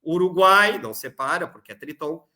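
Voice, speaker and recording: A man's voice: fairly high pitch, expressive, sharp tone. Upbeat southern Brazilian male teacher. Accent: Rio Grande do Sul Brazilian Portuguese. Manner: explanatory, tag questions, slows to spell out examples. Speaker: Portuguese teacher. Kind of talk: recorded exam-review lesson.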